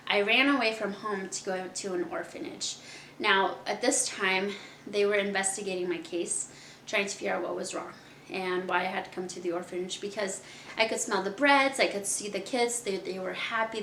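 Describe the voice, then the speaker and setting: A young woman from Kazakhstan telling her own story as a podcast host, chatty and open, with frequent laughs. Her voice is bright and forward. The room around her is echoey, with a faint hiss underneath. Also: mid-range voice. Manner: chatty and candid, laughs often. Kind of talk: casual personal storytelling.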